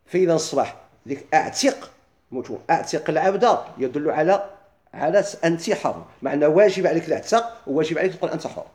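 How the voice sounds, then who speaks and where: Fast-talking Moroccan man teaching. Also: on the high side, lively intonation, a little mellow, roomy sound. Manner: quizzes listeners with quick questions, then answers himself. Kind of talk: classroom lesson explaining legal theory.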